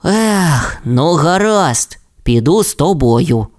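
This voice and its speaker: A man's voice: a little high, very animated, unhurried, darkish tone, pitched above the performer's own voice. A man voicing a cautious young male T. rex dinosaur in a storybook, in a hesitant, sighing way. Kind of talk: storybook voice acting.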